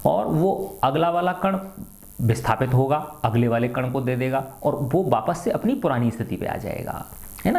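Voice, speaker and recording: A man's voice: mid-range voice, creaky, darkish tone. A middle-aged man teaching a science lesson to students, often asking a question and answering it himself, and tagging his sentences with a short check for agreement. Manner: asks and answers his own questions, repeats "है ना". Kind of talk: classroom lecture to students.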